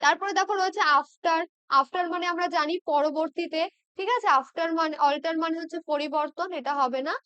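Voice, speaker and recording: A woman's voice: very high-pitched, brisk, sharp tone, dry recording, dull audio. A woman teaching English exam practice questions, checking in with tag questions and spelling words out letter by letter.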